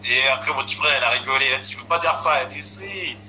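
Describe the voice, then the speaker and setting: A man's voice: medium pitch, fast talker, slight background noise, poor audio. A young man in casual chat, recalling old stories and often chiming in with agreement. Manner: relaxed, frequent agreeing interjections.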